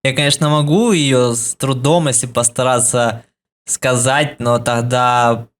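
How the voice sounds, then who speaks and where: The video game guide creator talks a little slowly in a mid-range voice with fairly even intonation. His tutorial is casual, slangy and explanatory, with music underneath, and his L sounds are affected by a speech impediment.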